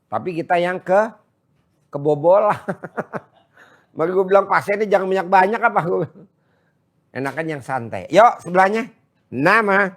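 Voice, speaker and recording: A man, hosting and chatting loudly and teasingly with visitors. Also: high-pitched, lively intonation, moderate pace, pauses often. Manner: joking, boisterous, loud and teasing. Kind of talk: casual chat with visitors. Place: large echoey space, maybe a sheep barn. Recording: very echoey, distant mic.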